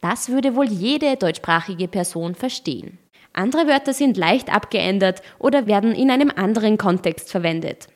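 A woman giving scripted documentary narration in a clear, explanatory and lightly playful way. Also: mid-range voice, animated, normal speed.

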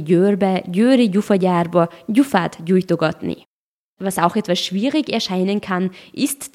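A woman with a mid-pitched voice narrates a scripted explainer. Her delivery is clear and explanatory, with a light playful touch at the ends of points. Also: darkish tone.

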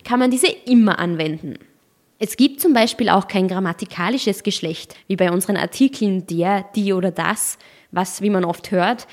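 A woman's mid-pitched, slightly mellow voice narrates a scripted explainer. She's clear and explanatory, adding a light, playful touch as she wraps up each point.

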